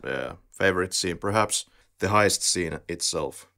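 A man's voice: sits low, a little slow, sharp tone. A man hosting a film podcast, speaking in brief, matter-of-fact prompts. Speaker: podcast host. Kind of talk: casual podcast discussion.

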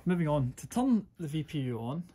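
A man's voice: fairly high pitch, sing-song, a little fast, very noisy. A man giving a casual hands-on product review in an informal, rambling way, often correcting himself. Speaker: gear reviewer.

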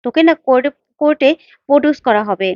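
A woman's voice: sits high, quick pace, no echo, dull audio, close to an everyday voice. A woman voicing a bold, defiant young woman who scolds and threatens bluntly. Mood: threatening.

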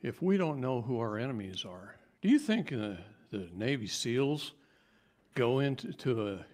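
A man speaking at a seminar in a mid-range voice, animated and joking with the room. When he gets worked up, his voice climbs noticeably higher. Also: a little slow. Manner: animated, jokey, voice rises high when worked up. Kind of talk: live seminar talk.

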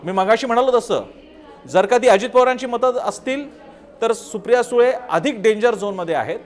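A man's voice: very high-pitched, moderate pace. A man hosts a political news explainer. He talks steadily and analytically and reels off vote figures one after another. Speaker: news show host.

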